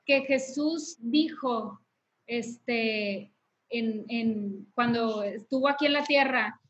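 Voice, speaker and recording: A woman's voice: on the high side, slow pace, dull audio. A woman hosting a faith podcast, talking through steps in an instructive way with frequent tag questions. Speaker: podcast host. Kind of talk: casual faith podcast conversation.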